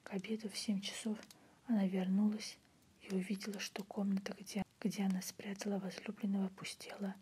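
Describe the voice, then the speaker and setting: A woman reads a literary story in a breathy, unvoiced ASMR whisper, softly and in a measured way. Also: medium pitch, flat delivery. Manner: soft, measured literary reading. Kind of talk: whispered ASMR audiobook narration. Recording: faint background noise.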